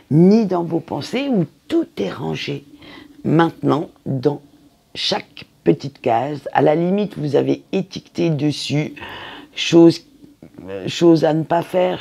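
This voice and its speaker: A tarot card reader giving a casual weekly reading, chatty and unhurried with frequent hesitations. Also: medium pitch, gravelly, warm tone, breathy edge.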